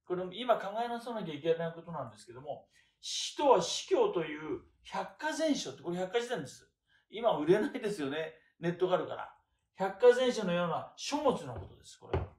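An older man giving a chatty lecture on classical texts, asking rhetorical questions and pausing with fillers. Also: high-pitched, sing-song, a little mellow. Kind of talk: casual lecture. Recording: roomy echo.

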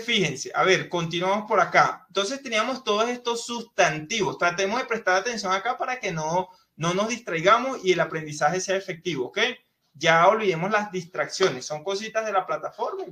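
A man's voice: high-pitched, pushed and bright. A man teaching a live online English class in Spanish, explaining step by step and often checking in with questions.

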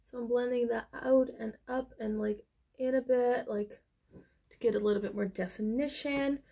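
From a small bedroom, a young adult beauty vlogger who grew up speaking Dutch chats her way through a makeup tutorial, rambling and full of fillers. Her voice is a little high and mellow with vocal fry, at a moderate pace and a steady tone.

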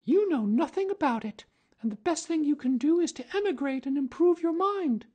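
A woman's voice: high-pitched, expressive, normal speed, a little mellow. A woman voicing an earnest, outspoken young girl, speaking in a prim, matter-of-fact way. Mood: tart. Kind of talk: audiobook drama reading.

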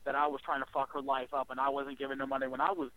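A man chiming in on a radio talk show with quick, emphatic comments about family money troubles. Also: mid-range voice, monotone, no room sound, narrow, tinny audio.

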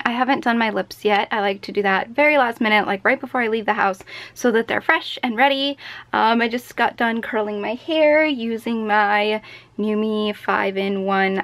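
A woman's voice: fairly high pitch, fairly bright tone, no room sound. A young woman chatting casually in a bubbly, gushing vlog style. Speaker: vlogger.

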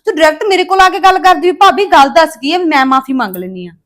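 A woman playing a stern, fast-talking sister-in-law. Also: high voice. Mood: scolding. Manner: lecturing, sharp retorts. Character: stern sister-in-law scolding a younger girl.

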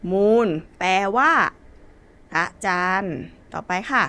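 A woman's voice: mid-range voice, slow, fairly bright tone. A woman with a Thai accent teaching a basic English lesson, spelling words out letter by letter in a patient way.

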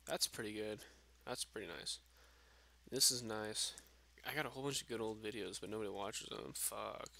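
A drunk young gaming vlogger rambles aimlessly and swears in a fairly low, creaky, sharp-toned voice at a moderate pace. It's a screen-capture voice-over recorded on a makeshift substitute microphone.

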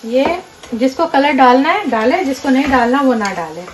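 A woman's voice: high voice, expressive, normal speed. Chatty woman hosting a kitchen cooking show. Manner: chatty, walks viewers through each step. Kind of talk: casual cooking demonstration. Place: home kitchen, indoors. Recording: background music under voice.

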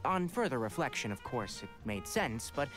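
A composed adult man, voiced by an actor weighs his words in a game scene, steady and unhurried in a middle voice. Soft guitar music plays beneath. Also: mid-range voice, lightly acted. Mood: thoughtful. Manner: even, deliberate, reserved.

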